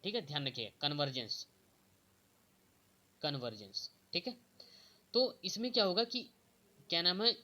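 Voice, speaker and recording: A young man teaching exam prep, explaining questions step by step and slowly reading out the answer options. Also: fairly high pitch, pushed and bright. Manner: repeats "okay" often, reads options slowly.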